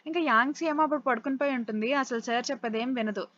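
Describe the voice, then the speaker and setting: A woman's voice: fairly high pitch, rapid-fire, a bit bright, highs cut off. A woman casually retelling a drama scene by scene in a chatty way, quoting the characters' lines as she goes. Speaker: drama recap narrator. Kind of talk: casual storytelling recap.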